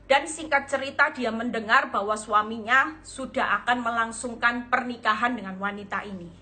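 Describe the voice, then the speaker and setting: A woman's voice: fairly high pitch, normal speed, bright, forceful tone. A woman evangelist preaching emphatically on a live stream, acting out dialogue and addressing listeners as saudara. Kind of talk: sermon on Instagram live. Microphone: phone on live stream.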